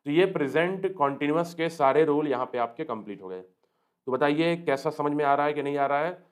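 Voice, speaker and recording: A man teaching English tenses for exam preparation, explaining in Hindi and reading English example sentences slowly, often checking with questions whether students follow. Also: a little high, smooth. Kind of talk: exam-prep grammar lesson.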